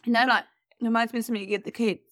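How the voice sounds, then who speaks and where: A woman's voice: fairly high pitch, flat delivery, very fast, a bit bright, no room sound, clean studio sound. A woman co-hosting a podcast in casual chat, chatty and self-deprecating, with a bunged-up nose. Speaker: podcast co-host.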